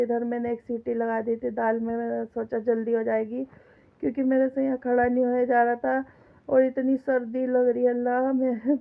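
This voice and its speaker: A middle-aged woman with a sore throat and cough cooks in her home kitchen and chats directly to her viewers, complaining as she goes. Her voice is fairly high with vocal fry. The phone-filmed vlog sounds tinny.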